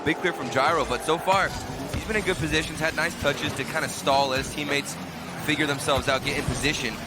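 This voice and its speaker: A man's voice: fairly high pitch, steady tone, fairly quick, over loud music. A man giving esports colour commentary as a caster, explaining plays in a conversational way.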